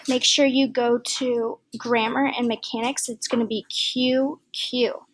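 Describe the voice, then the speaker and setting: A woman teacher giving a recorded grammar lesson, explaining patiently with soft asides and fillers. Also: a little high, flat delivery, a little slow, slight background noise, poor audio.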